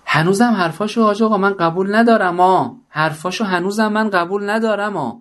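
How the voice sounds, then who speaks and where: A man voicing a calm, grateful woman who earnestly looks back on a kind elder. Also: high-pitched, pitched above the performer's own voice, close to an everyday voice. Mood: reflective.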